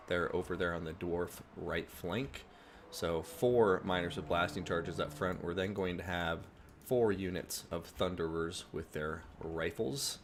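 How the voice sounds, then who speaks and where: A man giving relaxed, chatty live commentary on a strategy game tournament from his streaming setup. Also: low-pitched, a little hiss or hum. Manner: relaxed, chatty play-by-play with asides. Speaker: tournament caster and stream host.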